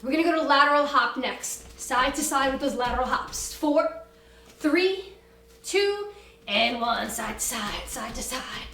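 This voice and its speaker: Female workout coach, high voice, brisk commanding instruction, recorded in a roomy space away from the mic. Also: lively intonation, creaky, sharp tone, a little hiss or hum. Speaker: fitness class instructor. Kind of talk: energetic workout instruction with cues and countdowns. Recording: roomy echo, distant from the mic.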